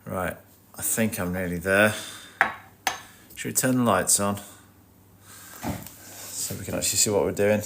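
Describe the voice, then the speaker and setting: Stuffed up and nasal from a head cold, a man with a lowish voice hosts a casual livestream, greeting viewers while looking over his fish tank. He talks a little slowly with vocal fry and long pauses, muttering asides to himself over background noise.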